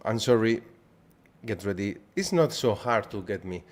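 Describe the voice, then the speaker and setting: A native Spanish speaker with a Spanish accent hosts a live trading webinar, chatting casually, greeting viewers by name, repeating phrases and restarting sentences. His voice is lowish and animated, at a normal speed.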